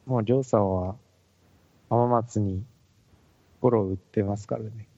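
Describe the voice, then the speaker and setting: Calm, dark-voiced man on a podcast. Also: fairly low pitch, measured pace, creaky, no room sound, muffled recording. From Fukuoka. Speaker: podcast co-host. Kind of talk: casual chat among musicians.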